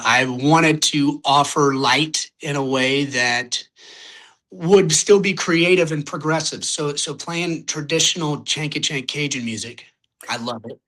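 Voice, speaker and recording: Poor audio captures a young Louisiana-accented singer-songwriter from Louisiana, United States, chatting casually as a podcast guest. His mid-range voice sounds pushed and bright as he meanders a bit and searches for what to say.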